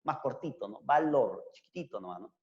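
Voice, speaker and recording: A man's voice: mid-range voice, expressive, fairly quick. A man teaching a physics class, explaining step by step and asking rhetorical tag questions. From Peru. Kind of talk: lecturing an online class. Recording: roomy, reverberant, dull lo-fi sound.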